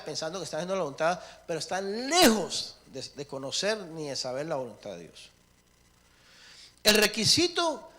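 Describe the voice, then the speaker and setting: A man preaching a sermon with emphatic swings between loud and soft, acting out prayers and little dialogues. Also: high voice.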